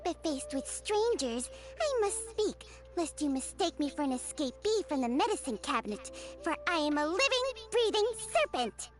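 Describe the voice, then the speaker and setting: A small talking serpent, high and lilting with a formal, dignified way of speaking. She sounds polite but proud of herself, like a creature in a game cutscene. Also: big pitch swings, moderate pace, few pauses, faint music behind.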